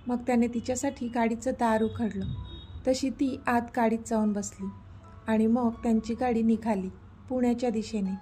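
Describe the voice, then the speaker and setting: A woman storyteller reading a romantic story aloud in a steady, even way. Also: fairly high pitch, moderate pace, soft background music. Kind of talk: scripted story narration.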